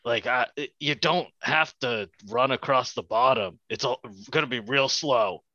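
A man's voice: medium pitch, unhurried, pushed and bright, no echo. A man chatting casually as a player in a tabletop game, on a slightly dull, dry recording.

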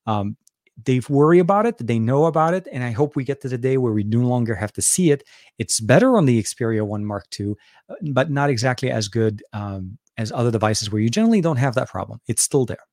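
Answering live chat on his tech channel, a man whose first language is Arabic and who has a Lebanese accent hosts a casual Q&A, taking viewers' questions as they arrive. He rambles, using many fillers and restarting sentences. His ordinary-pitched voice is dry, close-miked and a little fast, with no room sound.

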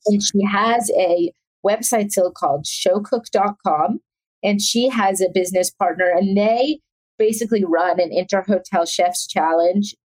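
Chatty low-voiced young woman guest. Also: darkish tone, poor audio. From South Africa. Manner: chatty, rambling, frequent "like" fillers. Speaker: chef and guest. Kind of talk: casual interview chat.

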